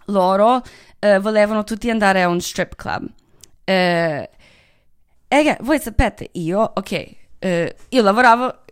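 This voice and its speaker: A woman's voice: on the high side, clear, resonant tone. A woman telling candid personal stories in a casual, profane monologue, often slipping phrases into her Italian. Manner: frank, profane, mixes English into Italian. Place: Los Angeles.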